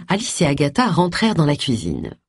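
An audiobook reader giving expressive scripted narration close to the mic. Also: mid-range voice, fairly quick, slightly rough, no room sound. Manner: expressive storytelling.

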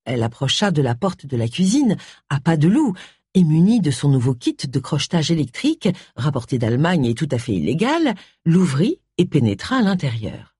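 A man's voice: on the high side, big pitch swings, normal speed, darkish tone, slightly rough, no echo, clean studio sound. A man narrating an audiobook expressively, voicing all the parts himself. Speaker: audiobook reader.

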